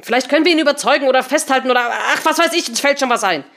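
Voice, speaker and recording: A woman doing a gruff male programmer. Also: fairly low pitch, expressive, fairly quick. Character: grumpy male programmer, husband.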